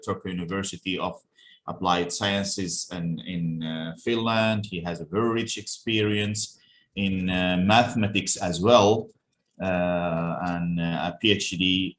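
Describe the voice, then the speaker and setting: A man with a fairly low voice hosts an online workshop over a video call. His first language is Arabic. He introduces speakers politely and haltingly, with plenty of pauses and fillers. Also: slight background noise. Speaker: workshop moderator. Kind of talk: formal online workshop hosting.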